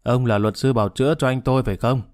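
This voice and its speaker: A man voicing a drunk, emotional young man who slurs and shouts. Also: medium pitch, steady tone, quick pace, dry recording, clean studio sound, close to an everyday voice. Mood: tearful begging. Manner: slurred, shouting, tearful.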